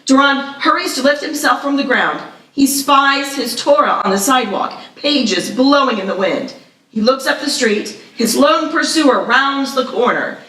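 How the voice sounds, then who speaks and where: A woman narrates a screenplay live, reading the action lines vividly and animatedly at a measured pace. Her voice is bright and on the high side, and the echoey room and a mic placed across it make her sound a little distant.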